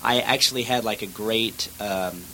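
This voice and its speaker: A young man from the East Coast, a guest musician, talking softly and hesitantly with fillers. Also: on the low side, moderate pace, slight background noise, low-quality recording. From Boston and Maine. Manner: soft-spoken, hesitant with fillers. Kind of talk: casual interview.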